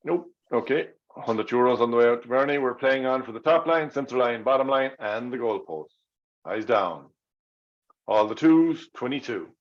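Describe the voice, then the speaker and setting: A man's voice: medium pitch, brisk. An Irish man hosting online bingo as the caller, reading out numbers digit by digit and then in full, with traditional calls. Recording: dull, lo-fi sound.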